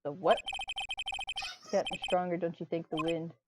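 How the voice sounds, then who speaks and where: A woman's voice: lowish voice, flat delivery, moderate pace, heavy background noise, close to an everyday voice. Woman reading as a cold scheming producer. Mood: cold menace. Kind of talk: reading game dialogue aloud. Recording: loud game music behind.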